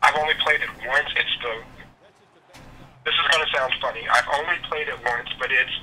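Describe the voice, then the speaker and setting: A man's voice: medium pitch, brisk, bright, forceful tone. A man co-hosting a live video game stream over a phone line, joking and chatting with his friend and the viewers. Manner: jokey, bantering, talks to viewers. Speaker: co-host commenting on a video game match. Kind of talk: casual live-stream chat. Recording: faint noise, phone line.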